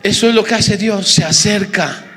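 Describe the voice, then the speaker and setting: A man's voice: high-pitched, normal speed, bright, forceful tone. A man preaching a sermon to his congregation, emphatic and repetitive, with joking asides. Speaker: pastor. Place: church hall with congregation. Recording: reverberant church hall.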